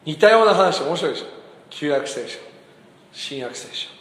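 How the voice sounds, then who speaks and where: A man preaching a sermon as pastor, animated, often asking the congregation questions and acting out quotes. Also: on the high side, normal speed. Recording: echoey hall.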